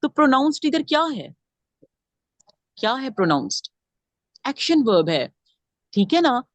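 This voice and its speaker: A woman's voice: sits high, big pitch swings, a little slow, no echo. A woman teaching a grammar class, explaining step by step and putting questions to her students. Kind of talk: classroom lesson.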